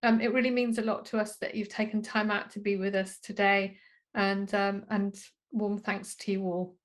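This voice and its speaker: The host of a virtual conference, a woman at home on a video call, introduces speakers with polite appreciation. She talks at a normal speed, her medium-pitched voice keeping a level tone.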